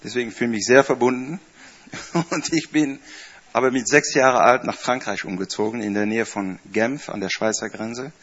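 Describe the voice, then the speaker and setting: Speaking German with Dutch and French accents, this Dutch man in his fifties works on church staff and offers an informal, chatty greeting to the congregation. He hesitates often, leaning on fillers and making minor grammar mistakes. His voice is medium in pitch with a fairly bright tone, and the audio is a little dull.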